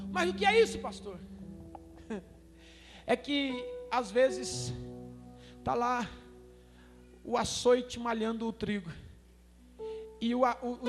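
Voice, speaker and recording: High-voiced Brazilian pastor preaching. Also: male voice. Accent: Brazilian Portuguese. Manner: storytelling, builds to loud fervent climaxes. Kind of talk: evangelical sermon. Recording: music in a reverberant hall.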